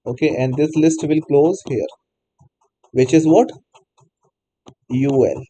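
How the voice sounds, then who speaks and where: A man's voice: a little high, slow pace, dark tone, breathy edge, rough recording. Man teaching a class, prompting students. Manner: prompts students repeatedly, non-native English phrasing. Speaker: programming teacher. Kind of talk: live online class, questioning students.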